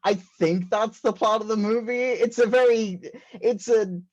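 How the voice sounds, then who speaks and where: A man's voice: high voice, unhurried, dull audio. A man doing stand-up, rambling through a story with lots of fillers and laughing at his own jokes. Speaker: stand-up comedian.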